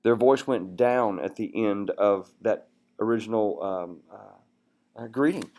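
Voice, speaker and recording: A man's voice: on the low side, takes it slowly, darkish tone. A man giving a sales training presentation in a conversational way, with many fillers and restarts, now and then acting out upbeat phone greetings.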